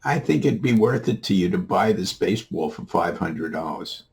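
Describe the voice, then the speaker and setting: A man voicing a sly, scheming little boy who pushes his sales pitch in a raised voice. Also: lively intonation, normal speed, creaky. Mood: insistent. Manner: pushy, insistent.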